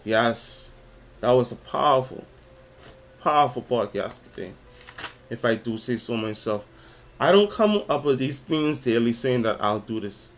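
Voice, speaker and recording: A man's voice: mid-range voice, lively intonation, unhurried, slight background noise. A man in his twenties with a Bahamian accent, hosting his own podcast, talking about faith and reciting spoken word poetry with dramatic intensity. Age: 20s. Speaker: podcast host.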